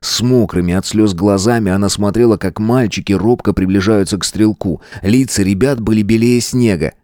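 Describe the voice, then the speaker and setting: Male narrator, audiobook, low voice, dry close sound. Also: normal speed, dark tone, dry recording.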